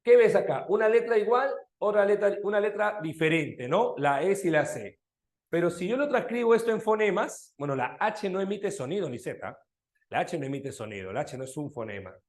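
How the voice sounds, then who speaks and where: A man's voice: high voice, moderate pace, roomy sound. A man teaching a language class, explaining phonemes and letters and quizzing his students as he goes. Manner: lively, questioning students often, animated. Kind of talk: online exam-prep language class.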